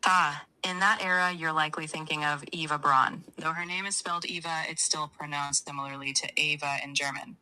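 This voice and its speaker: A woman's voice playing a polite AI chatbot assistant that answers questions calmly and informatively. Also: low voice, a little fast, few pauses, poor audio. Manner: calm, informative, agreeable. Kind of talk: synthetic assistant voice.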